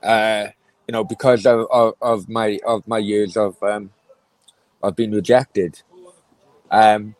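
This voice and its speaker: A man in his forties with a South Wales Valleys accent, answering reflectively and haltingly in a casual interview. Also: medium pitch, a little mellow, no room sound, poor audio. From Merthyr, South Wales. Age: 40s. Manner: halting, hesitant delivery with many pauses. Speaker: interview guest, former councillor.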